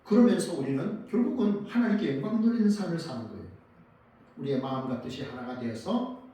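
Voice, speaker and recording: A man, a pastor, preaching a sermon who asks the congregation questions and answers them himself, his voice swelling and dropping. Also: fairly high pitch. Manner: dramatic rises and drops in loudness. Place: church sanctuary. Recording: very echoey church hall, mic at a distance.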